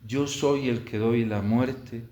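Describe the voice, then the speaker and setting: A man, a priest, celebrating Mass and preaching a homily in slow, measured phrases, heard with an echoey church reverb. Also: mid-range voice, fairly even intonation, mellow. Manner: slow, measured preaching with long pauses, rising in intensity.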